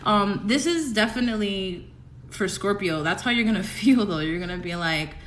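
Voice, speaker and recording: Chatty, excitable young woman reading tarot. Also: mid-range voice, moderate pace, echoey room, a little hiss or hum. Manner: chatty and excitable, rambling with giggles. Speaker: tarot reader. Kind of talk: casual livestream tarot reading.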